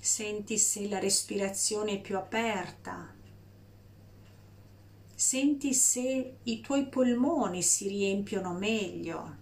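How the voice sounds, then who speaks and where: A woman guiding a breathing meditation in a slow, soft, soothing voice with long pauses. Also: medium pitch. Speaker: meditation guide.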